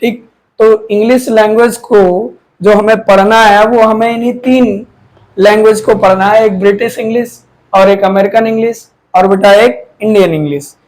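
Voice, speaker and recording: A man's voice: high voice, steady tone, moderate pace, darkish tone, poor audio. A man teaching, who asks questions and answers them himself, often repeating key words. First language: Hindi. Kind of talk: classroom lecture.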